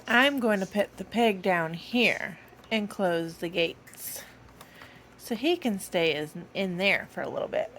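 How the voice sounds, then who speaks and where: In a children's educational video, a woman explains toys to toddlers in simple language, sounding like she's reading a story, with playful sing-song questions. Her medium-pitched voice is expressive and fairly bright, she takes her time, and there's a slight hiss or hum.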